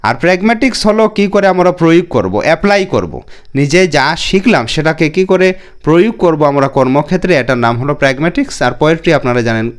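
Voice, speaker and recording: A man with a fairly high voice walks through exam questions. He reads the English question text slowly, then explains each option in Bengali. He often repeats "remember" and "okay?" as he teaches. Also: animated. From India. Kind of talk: exam question walkthrough lesson.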